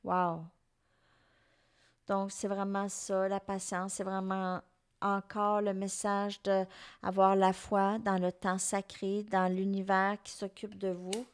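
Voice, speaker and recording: A middle-aged woman with a Québécois French accent, giving a tarot reading to her viewers in an unhurried, musing way and speaking straight to them. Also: mid-range voice, monotone, clear, resonant tone. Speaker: tarot reader.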